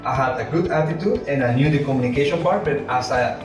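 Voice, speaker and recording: Male interviewee, English, halting explanatory delivery; distant, echoey recording with music behind. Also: medium pitch. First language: not English. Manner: halting, repeats words, explains with rhetorical questions. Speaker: entrepreneur being interviewed. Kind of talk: interview answers.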